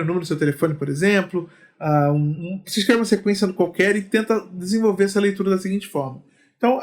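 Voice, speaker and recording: A man teaching an online music lesson, explaining patiently and chanting rhythm syllables. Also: sits high.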